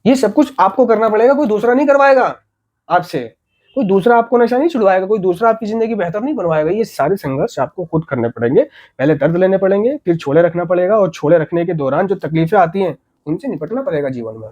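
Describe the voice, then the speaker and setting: A man's voice: high voice, animated, quick pace, darkish tone. A man giving an earnest, motivational talk about staying off drugs, repeating key points and asking rhetorical questions. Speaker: addiction recovery speaker.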